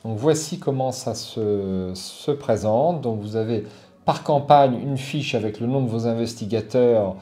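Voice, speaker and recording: A middle-aged man who hosts a board game channel gives a casual product review, hesitating with many fillers and restarts. His mid-range voice is mellow and unhurried.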